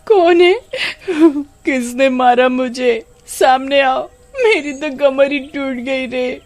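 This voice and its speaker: A woman's voice: medium pitch, animated, a little fast, close to an everyday voice. A woman voicing a cruel, whiny young woman who shrieks and wails in a storybook tale. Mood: wailing. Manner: yelling, wailing.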